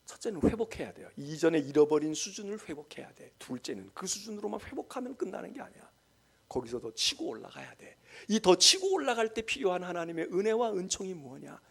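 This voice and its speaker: A male senior pastor preaching a sermon in a church. He is dramatic, swinging between loud exclamations and hushed whispers. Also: sits high, very animated, fairly quick, gravelly, slightly rough. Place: church sanctuary.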